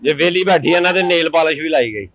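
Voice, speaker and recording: A man's voice: on the high side, a bit bright, a faint crowd. A man playing a chicken shop keeper in a comedy sketch, with a Punjabi accent and a mocking, exasperated way of talking. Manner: mocking, exasperated, quick retorts. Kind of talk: scripted comedy sketch banter.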